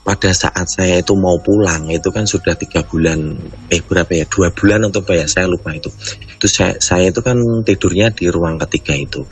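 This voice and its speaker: A man's voice: deep voice, fairly quick. A man calling in to a radio show, rambling through a ghost story and often addressing the host as "Mas". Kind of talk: casual storytelling on a radio call.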